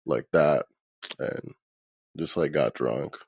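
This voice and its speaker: A man's voice: rumbling low, takes it slowly, vocal fry, darkish tone, husky, no room sound, studio quality. A hungover man chatting casually as an interview guest, laid-back and slangy, swearing freely. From Philadelphia. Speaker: interview guest, band musician. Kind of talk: casual chat.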